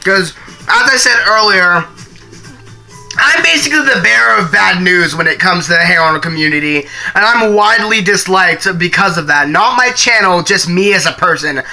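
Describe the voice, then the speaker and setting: A young man chats on a live stream in a rambling, casual way, restarting his sentences and swearing now and then. His voice sits high and sounds very bright and sharp. Faint music plays behind him. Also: animated, moderate pace, creaky.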